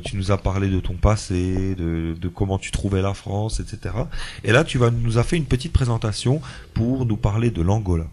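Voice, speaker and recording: A man with a fairly low voice hosts a casual radio interview on a school station. He talks patiently, prompts his guests with questions and echoes their answers back to them. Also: darkish tone, slight background noise. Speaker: school radio show host.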